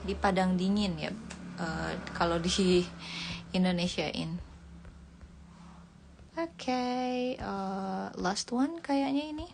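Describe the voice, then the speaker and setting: A woman's voice: medium pitch, extremely slow, gravelly, long pauses. A woman teaching English words on a casual livestream, repeating each word and explaining it, her voice dry and cracking. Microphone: phone livestream. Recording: faint background noise.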